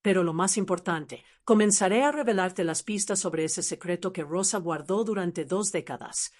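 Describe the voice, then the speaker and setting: A woman's voice: lowish voice, normal speed, a little mellow. Woman narrating a dramatic family story. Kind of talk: scripted first-person narration.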